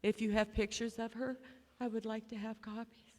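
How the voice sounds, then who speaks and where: A middle-aged woman with an English accent gives an informal memorial tribute as a bereaved mother, haltingly and repeating her phrases. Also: fairly high pitch, little pitch movement, darkish tone, a little hiss or hum. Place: large echoey room at a gathering. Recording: echoey hall with long reverb.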